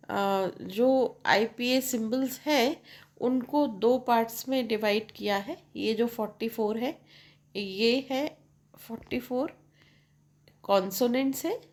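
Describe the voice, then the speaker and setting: A woman English teacher, explaining slowly and mixing in English phrases while checking in with her students. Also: on the high side, a little mellow. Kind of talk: bilingual classroom explanation.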